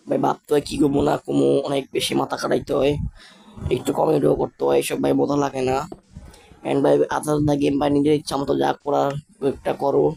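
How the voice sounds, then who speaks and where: A young man, still a school student, commenting casually on his Minecraft build in a halting, stammering way, speaking slowly on purpose. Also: on the high side, gravelly, dark tone. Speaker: gaming channel host.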